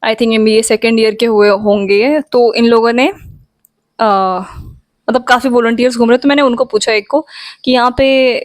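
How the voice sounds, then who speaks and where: A young woman chats through a storytime vlog, playful and talking straight to her viewers. Her voice sits a little high, and the recording is dry and close. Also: fairly even intonation, moderate pace, no room sound. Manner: chatty, playful, addresses viewers directly. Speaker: vlogger. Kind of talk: casual storytime.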